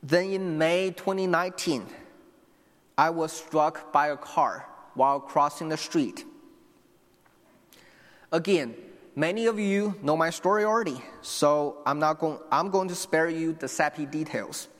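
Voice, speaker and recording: A young Chinese man preaches an earnest sermon straight to his congregation, restarting sentences and tossing in asides to them. His voice is fairly high and a bit bright, his delivery a little slow, and the sound carries the echo of a big room.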